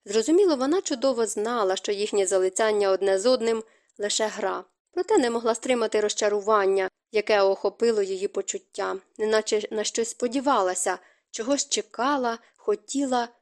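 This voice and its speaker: A woman narrating an audiobook with even, expressive storytelling. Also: mid-range voice, fairly quick. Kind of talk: scripted narration.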